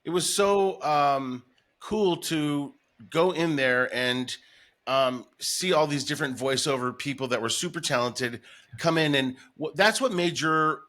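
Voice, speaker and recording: On the high side and a bit bright, this American man's voice moves at a measured pace. He's a Denver podcast host who used to do morning radio voice work, and he runs a casual interview with rambling, enthusiastic storytelling.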